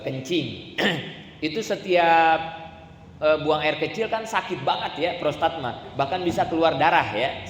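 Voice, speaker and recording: Chatty preacher in an echoey hall. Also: male voice, medium pitch. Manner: colloquial, rhetorical questions, emphatic tag "ya". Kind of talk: religious study sermon. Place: mosque or prayer hall. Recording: echoey hall, slight room noise.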